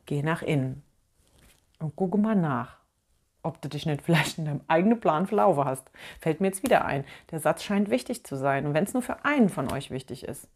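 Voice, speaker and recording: Middle-aged woman, casual talk to camera; candid, animated, blunt slang, quick to laugh. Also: low voice. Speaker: inspirational vlogger. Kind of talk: casual spoken monologue.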